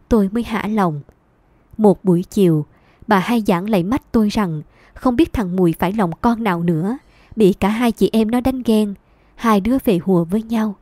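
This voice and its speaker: A woman reads a novel aloud in the first person, at a steady, measured storytelling pace. Her voice sits at a middle pitch. The recording is dry, with no room sound. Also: dry recording. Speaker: audiobook narrator.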